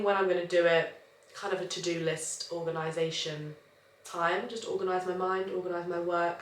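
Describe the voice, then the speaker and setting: In her flat, a young vlogger who works as a personal trainer rambles cheerfully about her day at medium pitch, her voice nasal from allergies. She's bubbly and pokes fun at herself. It's a chatty daily vlog captured as distant, roomy home audio with faint ambience and slight hiss or hum.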